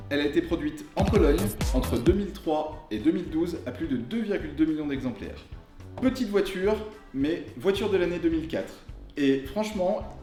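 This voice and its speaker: A man presents a car review in a jokey, colloquial style. His voice sits a little high. The sound is somewhat roomy and echoey, with music playing underneath. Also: darkish tone. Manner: jokey, colloquial, tongue-in-cheek. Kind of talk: casual car review to camera.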